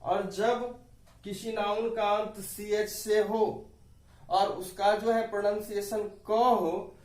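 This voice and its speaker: Man, high-pitched grammar teacher, patient and repetitive, echoey room, distant mic. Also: flat delivery, slow pace, darkish tone. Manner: patient, repeats rules, addresses dear students. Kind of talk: classroom explanation to students.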